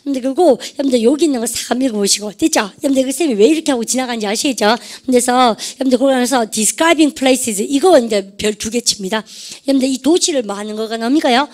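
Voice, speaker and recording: A woman's voice: fairly high pitch, fast talker. A woman teaching an English vocabulary lesson, leading call-and-response drills and constantly addressing her students. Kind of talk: lively classroom-style vocabulary lesson.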